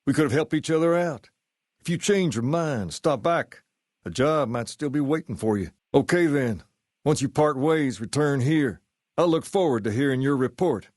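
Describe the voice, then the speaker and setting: An actor playing an easygoing, self-assured gang leader styled as a rock-and-roll king in a video game, with folksy, colloquial, measured delivery. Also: medium pitch, animated, darkish tone, no echo, studio quality, natural voice. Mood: easy, matter-of-fact. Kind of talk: scripted game character dialogue.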